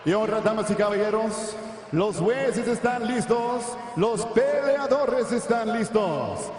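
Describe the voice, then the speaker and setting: A man working as a bilingual ring announcer in lucha libre style, booming like a showman and drawing out names. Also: expressive, a little slow, a little hiss or hum. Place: large indoor arena. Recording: echoey arena PA, long reverb, loud crowd.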